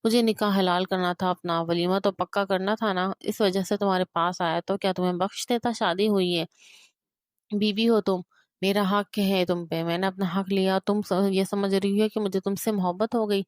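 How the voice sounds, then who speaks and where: A cold, commanding young husband from a spoken romance novel, harsh and possessive, given a smooth, crisp sound as a woman narrator reads his lines. The voice is dry and close, with no room around it. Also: mid-range voice, steady tone, no room sound, close to an everyday voice.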